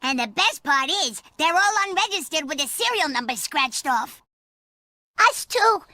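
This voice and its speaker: A woman voicing a brash, excitable young female badger raised in the wild, in video game voice clips. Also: sits high, measured pace, no echo, studio quality, heavily acted. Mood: chatty. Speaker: game character.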